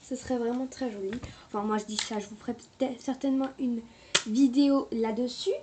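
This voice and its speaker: A woman's voice: a little high, fairly even intonation, a little fast, background noise. Chatty French-speaking woman reviewing makeup. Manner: chatty, hesitant, apologizing often. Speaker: beauty vlogger.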